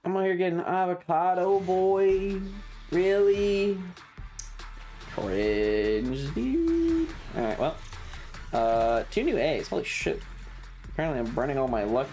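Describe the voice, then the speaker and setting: A variety streamer chats casually while gaming, using foul-mouthed slang and playful exclamations. The voice is medium-pitched and sing-song with a dark tone, moving slowly with frequent pauses. Soft music plays in the background.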